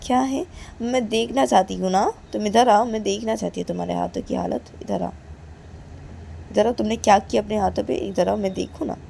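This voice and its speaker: A woman voicing a strict, angry mother who loudly orders her daughter to come to her. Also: mid-range voice, steady tone, brisk, creaky, a little hiss or hum. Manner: loud demanding commands.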